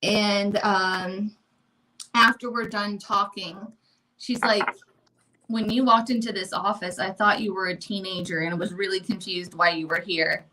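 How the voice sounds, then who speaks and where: A woman in her thirties co-hosts a home livestream, chatting candidly and animatedly while facing a mirror beside a window, often talking over others. Her mid-range voice moves at an unhurried pace. The low-quality recording carries slight background noise.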